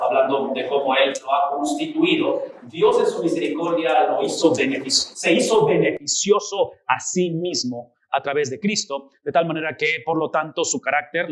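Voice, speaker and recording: A man teaching a Bible class, lively and often asking his students rhetorical questions. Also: fairly high pitch, husky, rough recording.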